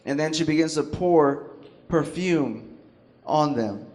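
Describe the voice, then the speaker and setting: A man preaching a sermon in a church, talking in an animated, conversational and joking way as he acts out quotes. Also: fairly high pitch, takes it slowly. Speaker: pastor.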